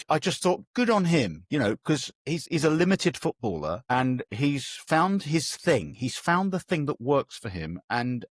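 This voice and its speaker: A man's voice: mid-range voice, no echo, clean studio sound. A man hosting a casual football podcast, self-deprecating and steering the talk between guests. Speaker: podcast host.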